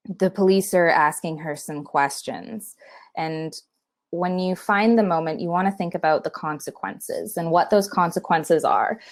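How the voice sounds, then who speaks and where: Woman explaining storytelling with fillers. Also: on the low side. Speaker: podcast speaker on storytelling. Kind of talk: talk presentation.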